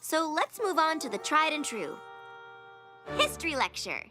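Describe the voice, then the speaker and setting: A woman's voice: high voice, sing-song, normal speed. A woman voicing a bookish, fussy young female unicorn in a cartoon, earnest and lecturing, with music behind.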